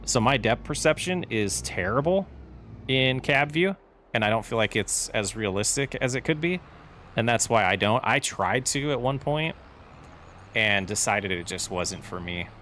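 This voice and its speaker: Answering his chat in a rambling, casual way, this man plays a farming game on a live stream. He has a medium-pitched, bright, forceful voice with lively intonation and a moderate pace, and faint vehicle sounds from the game come through in the background.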